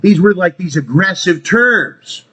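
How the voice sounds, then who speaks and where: A man's voice: sits high, lively intonation, measured pace, a bit bright, slightly rough. A man talking in a rambling casual monologue, trailing off and restarting, swearing casually. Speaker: vlogger.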